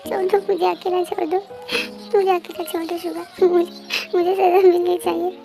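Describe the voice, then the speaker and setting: A woman's voice: very high voice, little pitch movement, normal speed. A woman voicing a heartbroken young man who pleads despairingly, with music under the voice. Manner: sobbing, despairing pleas. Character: heartbroken young man begging to stop a wedding.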